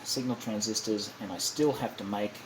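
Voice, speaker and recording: A hobbyist with a fairly low voice gives a casual, unscripted how-to narration while demonstrating a kit build, halting and thinking aloud as he works and often correcting himself. The amateur home recording is clearly noisy.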